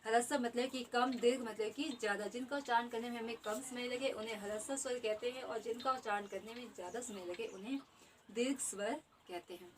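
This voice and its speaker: A woman's voice: on the high side, fairly even intonation, a little fast, distant mic, slight background noise, rough recording. A woman teaching an exam-prep grammar lesson, explaining each term twice and repeating definitions.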